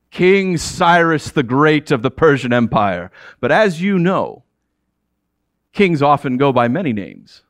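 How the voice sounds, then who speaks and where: A man's voice: on the high side, clean tone, no echo, studio quality. A man playing a proud ancient king who speaks to his subjects in a commanding way and chuckles between statements. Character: proud middle-aged male Persian king addressing his subjects. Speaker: actor in a biblical character monologue. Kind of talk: theatrical first-person monologue.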